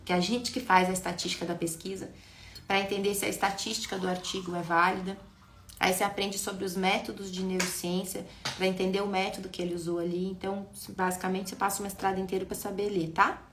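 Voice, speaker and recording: A woman's voice: mid-range voice, fast talker, a little hiss or hum. Woman teaching in a roomy space. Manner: animated, addresses viewers directly. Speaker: neuroscience educator. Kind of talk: live-stream talk.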